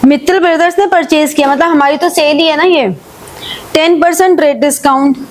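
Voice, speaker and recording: A woman's voice: high voice, steady tone, slight background noise, low-quality recording. A woman accountancy teacher, working through journal entries step by step and often checking whether students follow. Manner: reads question text slowly, then explains in quick Hindi-English mix; checks understanding with frequent "ठीक है" and questions. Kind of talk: live online class, solving problems step by step.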